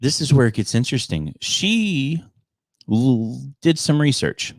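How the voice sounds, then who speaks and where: A man hosting a podcast, telling stories in a casual, joking way with halting restarts. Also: medium pitch, sing-song, no echo. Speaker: podcast host. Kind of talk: casual comedic podcast banter and storytelling.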